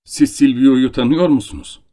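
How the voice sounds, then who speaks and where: A man voicing a middle-aged nobleman count, a former duelist, in a measured, somber tone. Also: low voice, lively intonation, dark tone. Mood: surprised.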